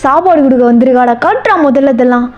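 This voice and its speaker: A woman voicing rowdy, panicking young male friends in a storybook role-play, shouting frantically in slang. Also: high voice, quick pace, lo-fi sound, faint music behind, lightly acted. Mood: frantic.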